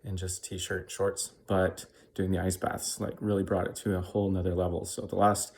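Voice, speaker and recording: Male vlogger with a low voice, casual and hesitant, shivering just out of ice cold water. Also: flat delivery, gravelly, darkish tone. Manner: hesitant, halting explanations. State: shivering and chilled after an ice cold bath. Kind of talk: casual vlog talk.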